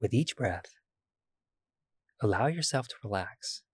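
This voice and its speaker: Soft-spoken man guiding a meditation. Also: fairly low pitch, animated, husky, no echo, clean studio sound. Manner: slow, soft and soothing, with long pauses. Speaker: meditation guide. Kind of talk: guided body-scan meditation.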